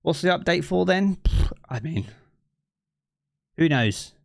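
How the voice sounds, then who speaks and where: His voice is on the high side, expressive and gravelly, and he takes it slowly. This game streamer from southeast England, with a local accent, chats easygoingly with his live-stream audience from his living room, reading chat aloud and thinking aloud with many fillers. The recording is dry and clean studio sound, via a streaming mic with effects.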